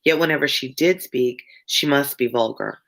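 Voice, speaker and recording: A woman with a Louisiana Southern accent has a rumbling low, gravelly, slightly bright voice, moderate pace, and a congested, wheezy chest. Working as an online tutor, she reads a novel aloud on a casual live-stream, pausing often to explain words and answer chat.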